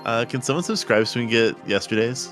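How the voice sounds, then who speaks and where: A man's voice: medium pitch, expressive, fast talker, fairly bright tone, faint music behind. A man chatting casually as co-commentator on a live game race.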